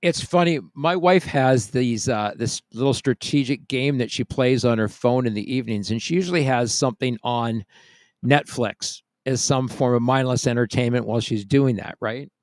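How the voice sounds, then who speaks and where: A man's voice: medium pitch, normal speed, darkish tone, no room sound. A man hosting a casual podcast chat, reading out listener comments and chuckling often, close to the mic. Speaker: podcast host.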